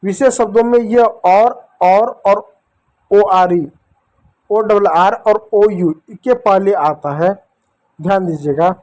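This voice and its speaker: High-voiced man teaching phonics slowly. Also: darkish tone. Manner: slow, repetitive, drills each letter sound step by step. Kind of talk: phonics lesson at a whiteboard.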